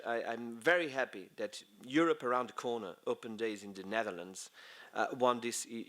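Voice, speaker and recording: A middle-aged man with a Portuguese accent delivers a conference speech in English. His voice sits somewhat low. He halts often, hunting for words between fillers and restarts. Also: a bit bright. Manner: halting, many fillers and restarts. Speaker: conference speaker.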